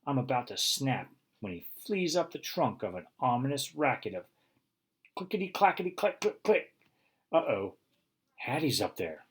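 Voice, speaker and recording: A man narrating a children's storybook in first person, expressive with bursts of excitement. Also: mid-range voice, moderate pace, breathy edge. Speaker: audiobook reader.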